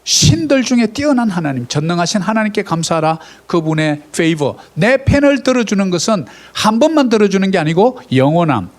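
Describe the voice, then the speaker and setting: A middle-aged male pastor preaching a sermon at a church service, animated, with rising exclamations and direct prompts to the congregation. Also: fairly high pitch.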